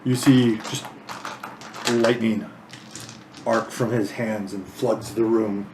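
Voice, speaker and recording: A man running a tabletop game, narrating slowly with pauses and fillers. His voice sits a bit low. The room is echoey, with noticeable noise behind him. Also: steady tone. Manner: slow, halting narration with fillers. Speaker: game master.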